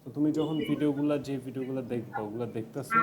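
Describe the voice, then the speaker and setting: A man's voice: mid-range voice, fast talker, crowd noise. A man giving a casual IELTS tutoring lecture, mixing English tips into loose, chatty explanations with many fillers.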